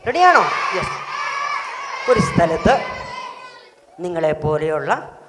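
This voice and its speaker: A pastor hosting a children's Bible school, telling a story and quizzing the children with animated, rising questions. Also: male voice, sits high, normal speed, a crowd in the background. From Kerala, India. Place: auditorium. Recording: echoey hall with faint noise.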